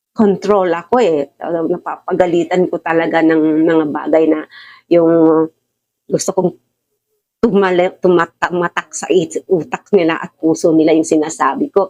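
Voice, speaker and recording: A woman's voice: low-pitched, dark tone, lo-fi sound. A middle-aged woman giving a casual, confiding Bible talk, laughing often and switching into English now and then. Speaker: Bible study teacher.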